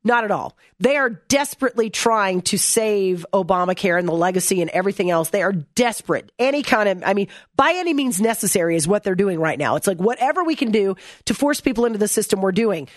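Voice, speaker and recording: Sarcastic woman ranting, lively pitch. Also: fast talker, few pauses, dry recording, studio quality. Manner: sarcastic, blunt, exasperated; reads text aloud and mocks it. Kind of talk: opinion commentary.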